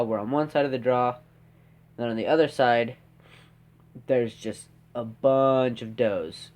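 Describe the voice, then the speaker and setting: A teenage podcast host with a stuffed-up nose rambles through a casual story, full of fillers and tag questions. His voice is medium-pitched and a little mellow.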